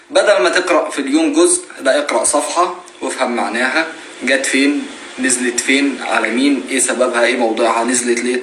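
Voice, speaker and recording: A man's voice: mid-range voice, a bit bright. A young man in his twenties with an Egyptian Arabic accent, giving earnest casual religious advice on a live stream and asking rhetorical questions. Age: 20s. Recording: roomy echo, faint noise.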